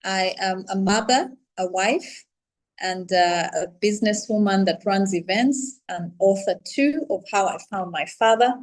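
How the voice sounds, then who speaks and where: Woman from uganda, guest speaker, mid pitch, earnest, steady. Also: unhurried, rough recording. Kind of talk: personal talk.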